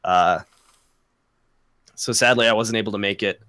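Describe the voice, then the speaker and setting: A man's voice: lowish voice, fairly even intonation, moderate pace, pushed and bright, clear, resonant tone, no room sound. A young man co-hosting a podcast, chatting casually, rambling, swearing a lot and laughing often. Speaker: podcast co-host. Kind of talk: casual chat.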